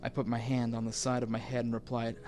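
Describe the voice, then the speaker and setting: A man narrating a first-person horror story in a steady, somber reading, over faint music. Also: mid-range voice, fast talker. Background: faint background music.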